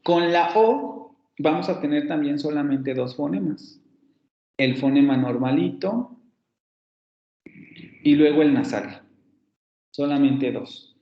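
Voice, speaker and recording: A man from Mexico, a university phonetics teacher, gives an online lecture, explaining step by step, repeating example words and correcting himself along the way. His voice sits on the high side, and he speaks slowly with frequent pauses. The audio is dull, in an echoey room.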